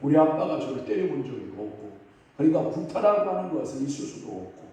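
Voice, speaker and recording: A man's voice: a little high, sing-song, fast, dark tone. Man, middle-aged pastor, evening prayer sermon, folksy and joking, quizzes the congregation, heavy hall echo, a bit far from the mic. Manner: asks the congregation questions and waits for replies; folksy, jokes and acts out family quotes. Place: church sanctuary. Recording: very echoey hall, mic at a distance.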